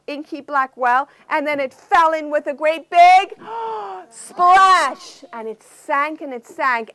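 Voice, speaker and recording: A spoiled storybook princess, whiny and snippy, in a high, loud, demanding voice, as a woman puts her on. Her lines come across close and dry, with no room sound. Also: dry recording. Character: spoiled bratty young princess.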